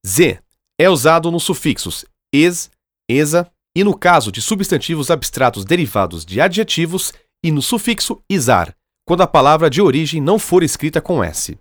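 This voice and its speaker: A man reading a scripted lesson on grammar rules in an even, measured way. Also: a little high, dry recording, clean studio sound. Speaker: grammar narrator.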